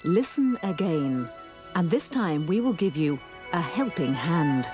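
A woman narrating an English course in a clear, encouraging, deliberate way. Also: fairly low pitch, very animated. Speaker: programme narrator. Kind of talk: scripted narration for language learners. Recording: music playing behind.

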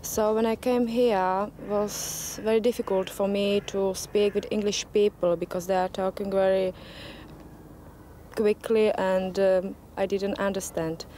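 A woman's voice: mid-range voice, little pitch movement, measured pace, mellow, a little hiss or hum. A woman from Slovakia, a native Slovak speaker and au pair, speaking careful learner's English with a Slovak accent.

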